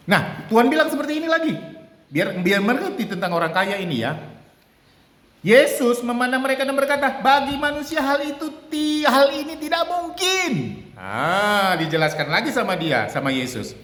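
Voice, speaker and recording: A man's voice: very high voice, animated, moderate pace, a bit bright. A man giving a casual sermon, explaining with a drawn illustration, repeating phrases and acting out quoted lines. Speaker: preacher. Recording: echoey room with long reverb, faint ambience.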